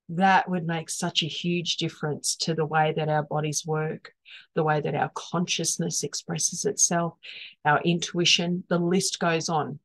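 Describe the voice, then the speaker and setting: A woman giving an informal, explanatory wellness talk as a teacher, earnest and emphatic, often pausing to rephrase. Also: lowish voice, low-quality recording.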